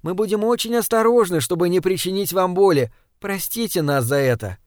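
A man voicing an apologetic lady who speaks politely and softly. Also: fairly low pitch, fairly quick, no room sound, clean studio sound, close to an everyday voice. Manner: apologetic, pleading.

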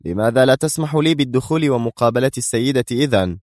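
A man's voice: sits low, expressive, a little fast, a little mellow, no room sound, studio quality. A man voicing a nervous, irritable male lawyer in an audiobook, snapping his lines. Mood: irritated. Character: tense, irritable male lawyer, sharp and impatient.

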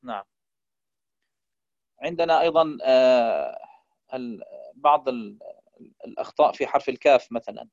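A man lectures on recitation, pausing with fillers and drawing out letter sounds slowly to demonstrate them. His voice sits at an ordinary middle pitch. The recording is dull and lo-fi, with a close, dry sound and no room echo. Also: darkish tone. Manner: hesitant fillers between points. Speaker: Quran recitation teacher. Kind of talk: lecture on pronunciation.

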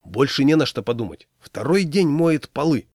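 A man playing a brisk, chatty fellow who talks a bit higher and louder than a plain voice. The voice moves lively in a dry, close sound. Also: no echo.

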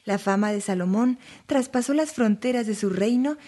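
A woman with a fairly high voice narrates Bible stories for families. She reads in a clear, even storybook manner. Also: moderate pace.

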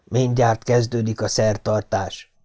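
Grim old tribesman muttering low, man reading it, mellow dark tone. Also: flat delivery, lightly acted.

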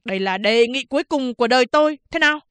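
A proud condemned prisoner who barks his demands, loud and commanding even in chains, as a woman narrator raises her voice for him. It is a storybook reading, recorded close and dry. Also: high voice, fast talker, clean tone, no echo, pitched above the performer's own voice. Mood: defiant, indignant. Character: defiant condemned male prisoner, proud and fiery.

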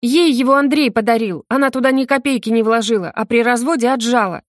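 A woman voicing a hot-tempered young woman under interrogation who shouts and sobs in outbursts, in an audiobook reading. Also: a little high, brisk, no room sound, studio quality, pitched above the performer's own voice, close to an everyday voice. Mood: hysterical.

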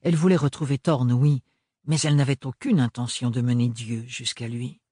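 A man narrating a novel in a measured, even reading voice. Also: mid-range voice, breathy edge, no room sound, studio quality. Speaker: audiobook narrator. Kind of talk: scripted narration.

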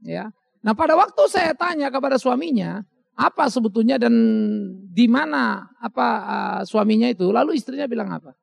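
A male pastor delivers a sermon in a high, gravelly voice that swings widely up and down. He speaks to the congregation directly and hammers his points home with repeated phrases. The sound is dry and close. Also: lively intonation, normal speed, dry recording. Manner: emphatic preaching with repeated rhetorical phrases; addresses the congregation directly as "saudara".

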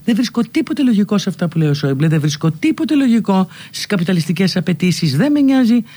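A sick, feverish woman hosting a radio talk show, teaching and scolding emphatically with sharp swings in pitch. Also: big pitch swings, slightly rough. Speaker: radio host.

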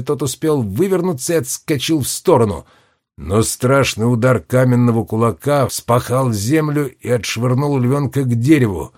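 A man reading a storybook aloud in an ordinary mid-range voice. His delivery is expressive, sinking low and slow when the tale turns menacing. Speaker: narrator. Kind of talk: audiobook narration.

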